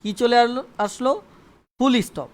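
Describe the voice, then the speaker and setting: A man's voice: very high-pitched, moderate pace. A man teaching an online English grammar lesson live. He repeats points and keeps checking that viewers understand. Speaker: English tutor.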